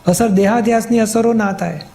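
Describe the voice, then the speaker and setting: A man's voice: high-pitched, steady tone, fairly quick, creaky, warm tone, a little hiss or hum. A man, a spiritual teacher, patiently explaining in a question-and-answer talk, often checking that he is understood.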